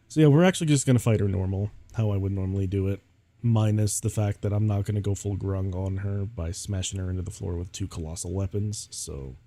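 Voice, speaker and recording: A man's voice: deep voice, mellow. A man streaming a video game in casual commentary, sounding sleepy and stuffy, rambling and laughing often. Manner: giggly, rambling.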